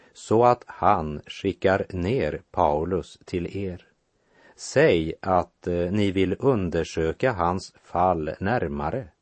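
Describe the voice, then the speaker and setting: A man reading scripture aloud and commenting on it in a measured way, slowing down to stress key phrases. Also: low-pitched, no room sound. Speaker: Bible teacher.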